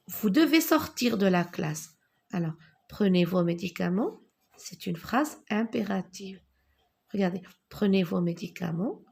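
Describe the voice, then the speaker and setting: Slow, husky woman teaching grammar. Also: mid-range voice. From North Africa. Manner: slow, patient, spells out answers while writing. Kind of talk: grammar lesson for children.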